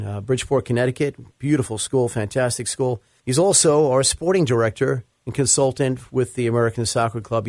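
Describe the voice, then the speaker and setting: Male podcast host, mid pitch, chatty and filler-heavy, dry close mic. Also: darkish tone, dry recording. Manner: chatty, lists sponsors with frequent fillers. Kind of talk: casual podcast talk.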